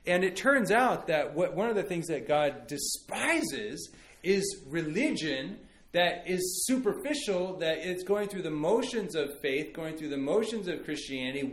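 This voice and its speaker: A man's voice: a little high, animated, moderate pace. A man in his thirties, a pastor giving a conversational sermon and telling stories with many fillers and restarts.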